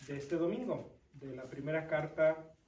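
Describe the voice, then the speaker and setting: Male deacon, somewhat high pitch, scripture reading and teaching, roomy echo. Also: measured pace, a little mellow. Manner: reads scripture aloud, then explains it and quizzes listeners. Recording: roomy sound from a distant mic.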